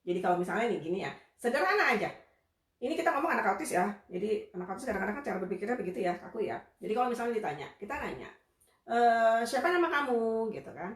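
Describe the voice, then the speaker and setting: A woman's voice: medium pitch, very animated, very fast. A woman behavior analyst giving a casual, conversational live lesson to parents, chatty and full of tag phrases. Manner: chatty, conversational, often tags phrases with "gitu ya". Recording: echoey room livestream audio.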